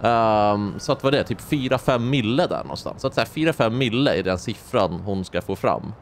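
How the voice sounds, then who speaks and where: Animated young man joking through gameplay. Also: fairly low pitch, slight background noise. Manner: excitable, joking, rambling. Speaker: gaming video host. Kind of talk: casual gameplay commentary.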